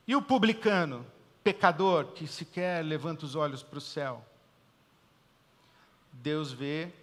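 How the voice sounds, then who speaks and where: A man with a Brazilian Portuguese accent preaching a sermon as pastor, swinging between loud emphatic declarations and quiet, hushed pauses. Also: fairly high pitch, in a large hall.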